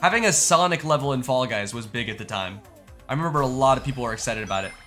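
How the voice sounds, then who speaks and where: Talking fast and animated in a mid-range voice, a young gaming YouTuber offers casual, slangy reaction commentary, thinking aloud as he goes. Faint music plays behind him.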